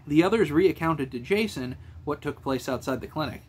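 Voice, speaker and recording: A man narrating a fantasy novel chapter with steady, even delivery. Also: on the high side, moderate pace, slightly rough. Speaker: audiobook narrator. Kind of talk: fan audiobook reading.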